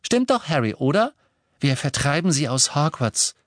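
In an audiobook, a man voices a cheerful, dreamy teenage girl, pitching his voice above his own natural one, though it stays close to an everyday voice. The delivery is on the high side at a moderate pace, recorded dry with clean studio sound.

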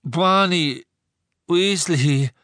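A frightened teenage boy, beaten and gasping out false names, voiced by a male audiobook narrator in a pitched-up, strained voice. His words come out tight and pushed. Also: very slow, fairly bright tone, no echo, heavily acted. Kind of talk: audiobook character voice.

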